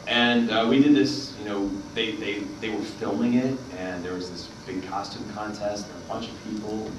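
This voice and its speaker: Man, panel guest, low voice, rambling anecdote, distant echoey noisy room. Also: steady tone, normal speed. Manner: rambling storyteller, many fillers and laughs. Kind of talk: telling a story on a convention panel. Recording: echoey hall from far off, noisy.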